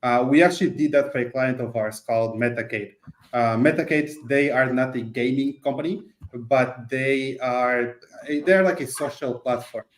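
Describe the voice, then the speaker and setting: A man giving a conversational company pitch as an interview guest, explanatory, with non-native English phrasing and filler words. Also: normal speed, reverberant. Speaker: game studio CEO, interview guest.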